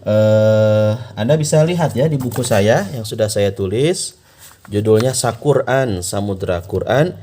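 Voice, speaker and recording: An Indonesian man teaching Quran recitation, explaining patiently and slowing down to model each phrase for the listener to repeat. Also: fairly low pitch, dark tone, a little hiss or hum. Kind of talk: instructional explanation with slow demonstrations.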